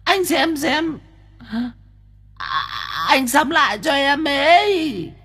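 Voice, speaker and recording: Shrill whiny effeminate ghost. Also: male voice, animated, slow, pushed and bright, exaggerated voice. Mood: whining. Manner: whiny, wailing calls.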